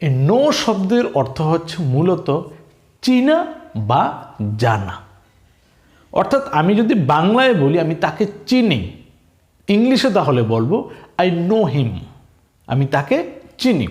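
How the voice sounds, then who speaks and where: A man with a Bangladeshi accent teaching English, slowly spelling words letter by letter and quizzing his viewers. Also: high-pitched, big pitch swings, a little mellow. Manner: slow, repetitive teaching, spells words letter by letter and asks questions. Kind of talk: spoken language lesson. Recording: echoey room.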